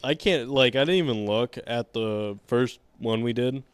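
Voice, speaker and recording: A man's voice: medium pitch, a little slow, clear, resonant tone, no room sound. A man co-hosting a podcast in casual chat, tossing in dry, sarcastic one-liners. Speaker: podcast co-host.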